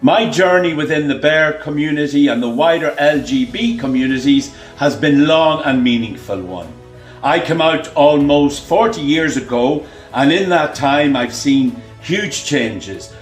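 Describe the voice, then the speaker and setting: A man in his sixties giving a formal, measured self-introduction as a contest candidate. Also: a little high, soft background music. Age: 60s. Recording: echoey room.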